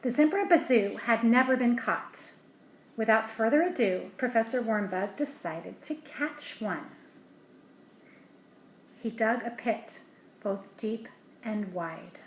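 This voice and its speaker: Reading aloud from a picture book to children, a woman with a slightly high voice keeps a slow, patient pace. Now and then she slips into soft, hushed comments on the illustrations, heard in an echoey room with a faint hiss behind her.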